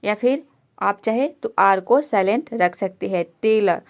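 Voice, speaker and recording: A woman with a mid-range, slightly slow voice walks her students through an English pronunciation lesson step by step. She patiently explains each letter and poses rhetorical questions to the class.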